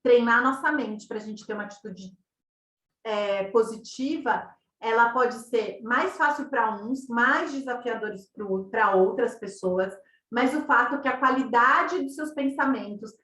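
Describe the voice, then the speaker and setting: A woman with a Brazilian Portuguese accent teaches an online running class in an easy, chatty way, often ending her points with a question to the listeners. Her voice sits fairly high for a woman. She sounds set back from the microphone in a room with a lot of echo. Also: a little slow, pushed and bright. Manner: conversational, tags sentences with questions, acts out quoted thoughts. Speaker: running coach. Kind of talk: online masterclass talk. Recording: roomy echo, distant from mic.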